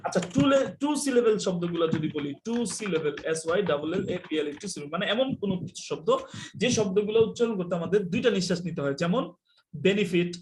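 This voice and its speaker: A man teaching a live online English class, explaining quickly and telling students to mute their mics. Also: high voice, animated, a little mellow. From Bangladesh.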